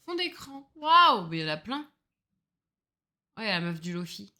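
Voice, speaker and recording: A bright, sharp-toned woman chats away on a gaming livestream. She rambles and mocks herself, laughs a lot and swears without a second thought. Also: mid-range voice, sing-song, normal speed. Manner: rambling and self-mocking, laughs often, swears casually. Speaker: streamer. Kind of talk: casual gaming livestream chat.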